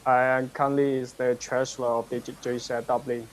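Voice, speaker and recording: Man on a video call, halting and brief, medium pitch. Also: little pitch movement, a little hiss or hum. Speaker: meeting participant.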